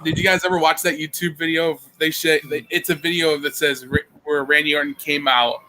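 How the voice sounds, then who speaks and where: A man co-hosting a casual wrestling podcast, excitable and quick to laugh. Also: fairly high pitch, rough recording. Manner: excitable, laughs often, mimics wrestler calls. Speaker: podcast co-host. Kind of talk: casual chat.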